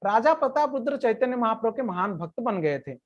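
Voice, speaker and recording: A woman's voice: fairly high pitch, very animated, muffled recording. Woman giving a chatty devotional lecture. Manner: plain conversational retelling, now and then reciting verse slowly. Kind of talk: storytelling religious lecture.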